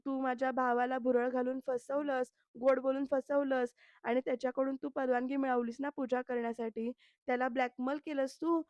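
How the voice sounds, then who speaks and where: A sharp-tongued middle-aged aunt, scolding and accusing, voiced by a woman retelling a TV episode. The voice sits high and sounds dry and close. She is bossy and scheming. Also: flat delivery, brisk, no echo, muffled recording, lightly acted.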